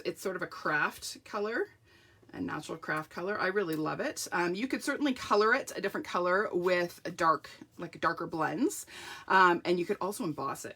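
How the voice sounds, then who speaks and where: A woman demonstrates card-making in a live craft tutorial, giving shout-outs to viewers and chatting away while she works with her hands. She has a sore throat, so her lowish voice comes out croaky, sounding pushed and bright. Her manner is talkative and self-deprecating.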